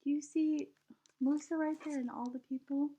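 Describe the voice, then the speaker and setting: A high-voiced woman reads a picture book to children in a teacher's manner, expressive and animated, posing simple questions to guide them along. She speaks at normal speed, and the audio is poor.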